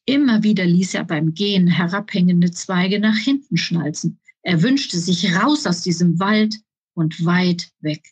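A woman reads her children's book aloud in a calm, even storytelling voice. Her voice has a soft, breathy edge. She is recorded close up in a dry room. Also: fairly low pitch, measured pace, dry recording. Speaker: author reading her book.

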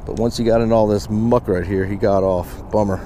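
A low-ish, mellow male voice with fairly even intonation talks fairly quickly, with a little hiss or hum in the recording. He's an American fishing vlogger in his thirties or forties, chatting informally to "guys" from beside a pond.

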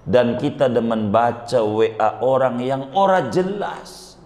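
A man's voice: medium pitch, animated, slow, darkish tone. A male preacher giving a conversational sermon, teasing the listeners with rhetorical questions. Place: mosque.

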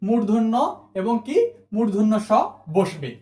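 A teacher works through spelling rules for exam students, repeating each point and answering their own questions. The voice sits at a middling pitch and rings in an echoey room. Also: normal speed, dark tone. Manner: mixes English words into the talk. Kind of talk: admission exam spelling lesson.

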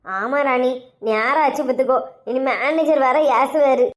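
A woman's voice: high-pitched, a little slow, pitched below the performer's own voice. A woman with a Kanyakumari Tamil accent playing a grumbling man whose bike won't start, in a comic sketch. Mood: fretting. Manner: complaining, exasperated muttering.

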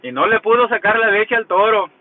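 A man's voice: sits high, steady tone, brisk. A man with a Mexican accent, vlogging in a crude, mocking, joking way as he tells gossip. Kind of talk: casual gossip monologue. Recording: tinny phone-like sound with faint noise.

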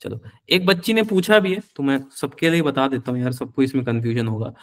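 A man's voice: mid-range voice, a little fast. A young man teaching a physics class live online, chatty, calling his students beta and answering their questions.

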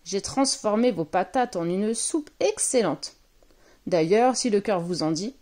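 A woman voicing a grumpy, cunning old witch in a storybook reading, with a high, cranky voice. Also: expressive, a little slow, mellow, close to an everyday voice. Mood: grumbling. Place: at home on an old sofa.

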